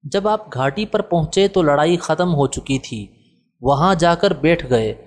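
Man reading aloud in a reverberant space. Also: fairly high pitch. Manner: measured, formal reading. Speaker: audiobook narrator. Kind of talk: reading a religious biography aloud. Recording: long reverb.

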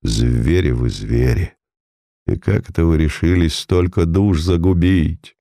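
A man voicing a calm, mocking old detective, deep and gravelly. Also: unhurried, no room sound, clean studio sound. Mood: scornful. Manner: cool, commanding, sardonic. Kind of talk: audiobook character voice.

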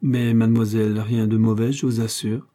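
Storybook lover: male reader as a gallant young nobleman, tender, hushed, mellow. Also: fairly low pitch, flat delivery, moderate pace, close to an everyday voice. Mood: reassuring.

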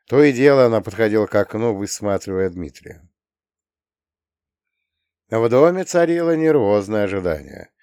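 A man reading an audiobook in an even, measured storytelling manner. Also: on the low side, clean tone, no echo, studio quality. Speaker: audiobook reader. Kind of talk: scripted narration.

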